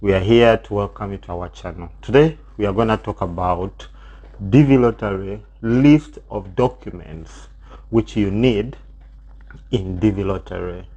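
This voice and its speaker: A man's voice: lowish voice, unhurried, mellow. A man co-hosting a casual chat, talking easily with frequent fillers and prompting his partner. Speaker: channel co-host. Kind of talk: casual chat about visa steps. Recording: dull lo-fi sound.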